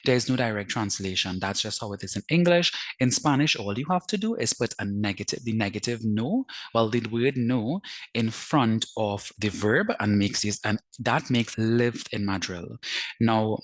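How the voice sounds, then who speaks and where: A man's voice: fairly low pitch, normal speed, no echo. A man teaching a recorded language lesson over slides, patiently explaining and repeating points and often checking with "right?". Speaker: Spanish teacher.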